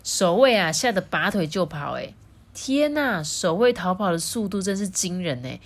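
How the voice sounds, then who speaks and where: Lively woman reading a children's story. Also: lowish voice, moderate pace. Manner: playful, laughing, lively voice changes. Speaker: storyteller reading a picture book aloud.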